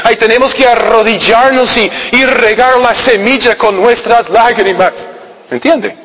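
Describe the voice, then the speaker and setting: A man's voice: extremely high pitch, measured pace, fairly bright tone. A man preaching a conversational sermon, often checking in with his listeners and repeating words as he goes. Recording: long hall reverb.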